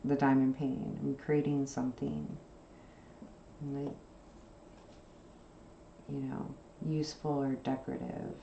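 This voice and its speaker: A woman hosting a craft channel, chatting casually and softly while she sews, rambling from one subject to the next with plenty of fillers. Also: a bass voice, little pitch movement, slow, creaky, pauses often, reverberant, muffled recording, slight background noise. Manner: rambling, soft-spoken, with frequent fillers. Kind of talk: casual chat while sewing.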